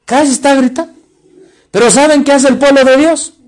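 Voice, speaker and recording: A man's voice: very high voice, steady tone, darkish tone. A man with a Mexican accent preaching a sermon, quizzing his listeners with repeated questions and stretching out key words for stress. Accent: Mexican Spanish. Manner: emphatic, drawn-out stresses.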